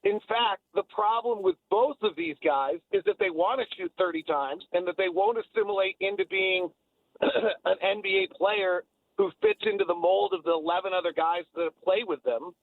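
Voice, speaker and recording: On a sports radio talk show, a man delivers emphatic, opinionated basketball analysis, repeating phrases to hammer his points home. His voice is high-pitched, animated and creaky at a normal speed. The audio is dry, narrow and tinny.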